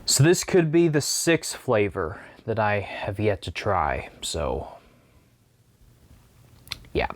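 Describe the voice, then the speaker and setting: A man's voice: lowish voice, sing-song, slow, pauses often. A man talking casually to camera as a food challenge vlogger while eating sour candy.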